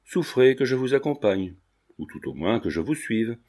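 A man's voice: medium pitch, very animated, moderate pace, darkish tone. A man playing an earnest young painter. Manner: firm, earnest.

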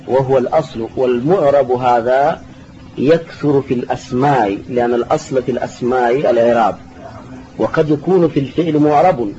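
Man teaching grammar, dark lo-fi recording. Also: mid-range voice. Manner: patient, repeats terms, answers students. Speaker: sheikh teaching Arabic grammar. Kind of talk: classroom lesson explaining a text. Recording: dull lo-fi recording with faint hiss.

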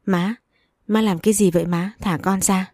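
A woman's voice: medium pitch, steady tone, normal speed, a little mellow, no room sound, clean studio sound, close to an everyday voice. A woman voicing a frightened young daughter-in-law who pleads tearfully in a storybook reading. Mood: pleading.

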